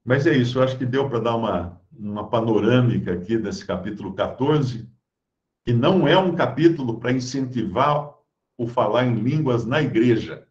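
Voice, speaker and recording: A man's voice: medium pitch, expressive, normal speed, darkish tone. A man giving conversational Bible teaching, reading scripture aloud and explaining it with everyday stories. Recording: roomy, dull lo-fi sound.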